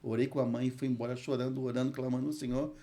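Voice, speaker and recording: A man with a Brazilian Portuguese accent, a hospital chaplain and pastor, tells an earnest testimony in an interview and recites scripture slowly. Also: mid-range voice, flat delivery, dark tone. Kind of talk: emotional testimony in a podcast interview.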